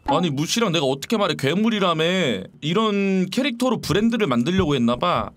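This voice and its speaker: A man in his twenties, commentating a horror game he is playing, talking back to the characters and yelling when startled. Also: high voice, sing-song, fairly quick, a little hiss or hum. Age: 20s. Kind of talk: casual gameplay commentary.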